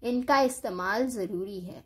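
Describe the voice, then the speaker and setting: A woman giving a scripted grammar lesson, explaining in a measured, explanatory way. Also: medium pitch. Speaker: Urdu teacher. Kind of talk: scripted educational lecture.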